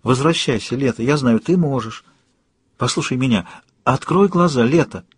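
A man reading an audiobook, voicing a gentle young woman softly coaxing a patient to wake. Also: mid-range voice, lively intonation, normal speed, breathy edge, no room sound. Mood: hopeful. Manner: soft, coaxing, encouraging.

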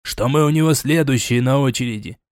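A man's voice: medium pitch, brisk, no room sound, studio quality, natural voice. A man voicing a stern older prince who scolds, sighs and turns suspicious. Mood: scolding. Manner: scolding, sighing, sarcastic.

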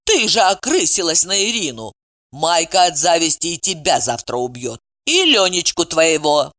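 A woman's voice: low voice, very animated, normal speed, a bit bright. A woman voicing a sly, gossipy woman friend who needles and nags. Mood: needling.

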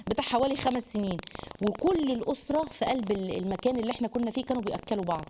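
Rapid animated Egyptian woman lecturer. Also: a little high, background noise. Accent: Egyptian Arabic. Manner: animated, rapid, acts out quotes in dialogue. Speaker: Islamic lecturer. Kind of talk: religious lesson on marriage.

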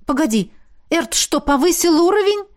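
Woman reading weary young woman, exasperated, pleading, raised pitch, audiobook. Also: expressive, fairly quick. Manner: pleading, tired, tense.

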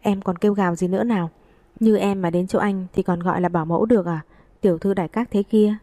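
A woman's voice: mid-range voice, fairly even intonation, quick pace, dark tone, no room sound, studio quality, natural voice. Woman reading as a cheeky young man, teasing. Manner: teasing, playful. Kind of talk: audiobook reading.

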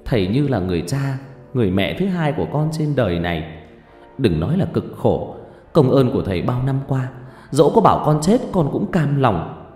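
A man's voice: mid-range voice, big pitch swings, moderate pace, natural voice. A man voicing a devoted young male disciple who cries out in a storybook narration. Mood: earnest. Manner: loud pleading outcries. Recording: roomy reverb with faint music.

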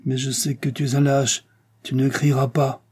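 A man's voice: medium pitch, flat delivery, normal speed, darkish tone, slightly rough, voice pushed up, close to an everyday voice. A man voicing a stubborn, grim Breton servant with a grave, menacing manner.

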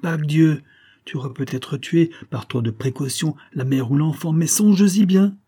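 A man's voice: medium pitch, moderate pace, darkish tone, slightly rough. A man voicing a furious, haughty noble count who thunders scornful outbursts, reading an audiobook.

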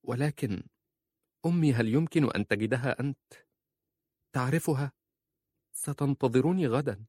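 A man voicing an anxious young wife who pleads and holds back tears, in a high voice. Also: normal speed, long pauses, darkish tone, husky, no room sound, studio quality, lightly acted. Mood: frightened.

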